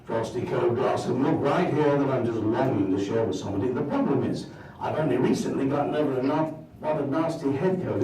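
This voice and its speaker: A man's voice: mid-range voice, dark tone, slight background noise, natural voice. A man playing a jolly, bumbling Christmas wizard doing stage magic for a live audience, theatrical and chuckling. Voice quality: theatrical, sing-song, chuckling. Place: stage in a hall. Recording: roomy hall, from far off.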